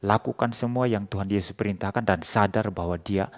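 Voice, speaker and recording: A man delivers a sermon in a low, grounded voice. He drives points home with repetition and speaks straight to his listeners. The delivery is firm and earnest. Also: fairly quick. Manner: emphatic, repeats points, addresses listeners directly. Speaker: pastor.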